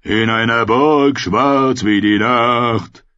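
A man doing a booming, slow-chanting minstrel. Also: sing-song, fairly bright tone, slightly rough, dry recording, lo-fi sound, heavily acted. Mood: ominous. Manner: slow, declaiming chant-singing. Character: broad-chested, booming male minstrel.

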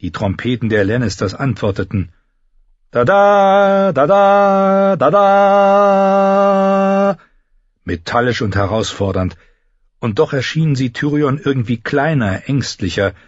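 A man reading a fantasy audiobook aloud in measured, dramatic narration. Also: on the low side, husky, no room sound. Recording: slightly dull lo-fi dry recording.

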